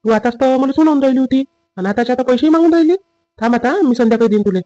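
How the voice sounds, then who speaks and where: A man playing a dutiful husband and son in a family drama skit, with a rapid, lecturing manner. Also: very high-pitched, dark tone, no room sound, highs cut off.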